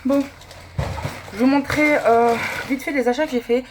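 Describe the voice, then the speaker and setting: A woman's voice: high-pitched, fairly even intonation, moderate pace, background noise. A woman chatting casually as a vlogger, rambling with lots of fillers, filmed on a handheld camera at home and out walking. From Turkish family. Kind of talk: casual vlog chat. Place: home and outdoors, on the move.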